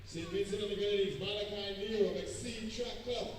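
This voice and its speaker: A man's voice: sits high, steady tone, a little fast, slight background noise. A man working as a stadium announcer at a track meet, making projected, clipped calls over a PA system. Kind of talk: public address announcing and race calling. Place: outdoor athletics stadium. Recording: echoey stadium PA heard from a distance, with music.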